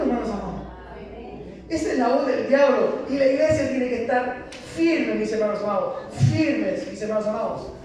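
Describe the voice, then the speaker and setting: A pastor with a very high-pitched, darkish voice preaches a passionate sermon in a church hall, putting rhetorical questions to the congregation. The recording is echoey and noisy, captured from far off in the hall.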